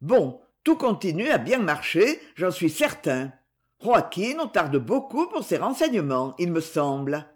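A woman's voice: on the low side, sing-song, a little slow. A woman voicing a charming young male count, courteous yet imperious, in an audiobook. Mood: commanding.

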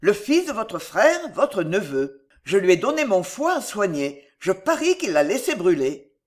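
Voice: mid-range voice, very animated, a little slow. A reader voicing a bustling, teasing family friend who fusses over his cooking.

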